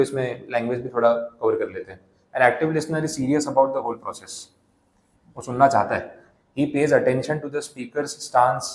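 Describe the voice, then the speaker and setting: A man gives a classroom lecture at a middle pitch, explaining patiently with everyday examples. He reads English passages aloud slowly and deliberately. The room around him is echoey. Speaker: teacher.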